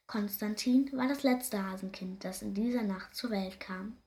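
A woman reading a children's story aloud in a gentle, expressive way. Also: mid-range voice, moderate pace.

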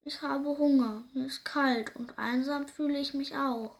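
A woman's voice: sits high, fairly even intonation, unhurried, vocal fry, recorded from a distance, pitched above the performer's own voice. A woman voicing a small lost baby hare boy who is cold and hungry, speaking in a plaintive, questioning voice.

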